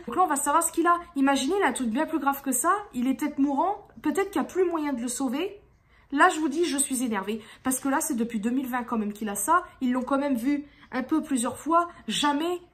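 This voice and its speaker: High-voiced exasperated woman vlogger. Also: fairly bright tone. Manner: exasperated, rambling, with frequent restarts. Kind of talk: casual venting vlog.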